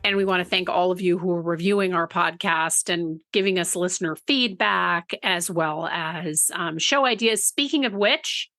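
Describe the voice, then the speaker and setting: A woman's voice: fairly low pitch, moderate pace, hardly any pauses, sharp tone, dry recording, soft background music. Woman podcast co-host, casual chatty delivery, often restarts sentences, dry close mic. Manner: chatty, self-correcting, laughs easily.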